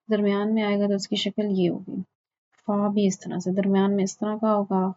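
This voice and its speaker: A woman teaching a class, slowly and patiently drilling letter sounds one by one and checking with her students. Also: mid-range voice, warm tone, lo-fi sound. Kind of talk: online lesson on Arabic letter pronunciation.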